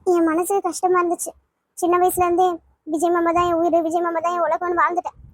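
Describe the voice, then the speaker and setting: A woman voicing a tearful, heartbroken young woman in a cartoon, pleading and sobbing softly. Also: extremely high pitch, completely flat delivery, fast talker, no echo, studio quality. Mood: sad pleading. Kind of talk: cartoon voice acting.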